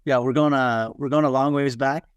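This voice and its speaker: Man from Nepal in his thirties, clear resonant voice, dry close sound, hesitant guest telling his story. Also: medium pitch, steady tone, no room sound, dull audio. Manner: halting, many fillers and restarts. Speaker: podcast guest. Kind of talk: casual interview chat.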